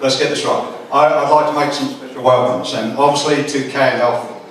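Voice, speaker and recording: A man's voice: mid-range voice, fairly even intonation, a bit bright. Echoey Australian man, father of the bride speech. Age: middle-aged. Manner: halting, folksy, dry humour. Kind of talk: father of the bride wedding speech, informal storytelling and welcomes. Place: large echoey wedding reception room. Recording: echoey hall from far off, faint noise.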